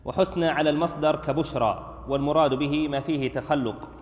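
A man reading aloud a classical commentary text in a measured, formal way. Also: on the high side, fairly even intonation. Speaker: student reader. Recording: roomy echo with long reverb.

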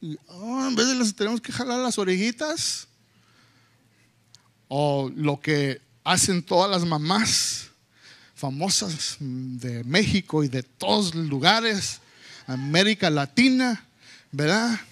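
Man preaching, unhurried delivery, high-pitched voice, animated, mixes in English, church sermon. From United States. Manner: animated, acts out scolding his children in high loud bursts; slips between Spanish and English. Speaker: pastor.

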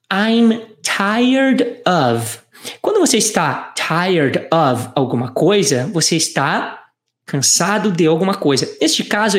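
An English teacher, giving a lesson and drawing out English phrases slowly for the listener to repeat. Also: medium pitch. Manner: slow, drawn-out English phrases for repetition. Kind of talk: online language lesson. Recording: roomy echo.

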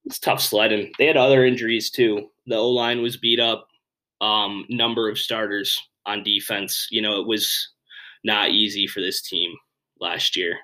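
Guy rambling thru his sports podcast, kinda low voice, lots of uhs. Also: fairly even intonation, measured pace, sharp tone, poor audio. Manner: rambling, offhand, frequent fillers. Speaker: podcast host. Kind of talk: solo sports podcast rundown.

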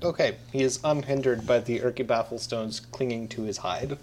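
A man running a tabletop game as game master, narrating in a relaxed way with many fillers. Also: medium pitch, normal speed, background noise.

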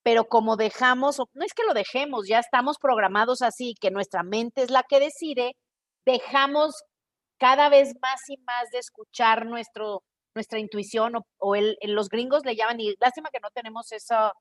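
A Mexican woman with a Mexican Spanish accent shares a personal story in a relaxed podcast monologue. She is animated and expressive and often acts out her own thoughts in quoted voices. Her voice sits a little high, and the recording is dry and close. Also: normal speed, dry recording. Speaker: podcast host.

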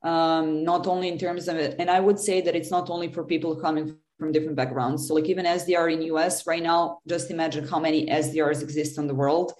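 A woman's voice: sits low, steady tone, quick pace, few pauses, a little mellow. A woman from Serbia, answering interview questions earnestly with many fillers and restarts. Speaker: guest, business development lead. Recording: roomy echo.

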